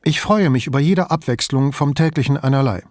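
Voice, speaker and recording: A man's voice: medium pitch, brisk, darkish tone, no room sound, clean studio sound, close to an everyday voice. A man voicing a young, eager and deferential male police officer who speaks politely and modestly. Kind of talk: audiobook character voice.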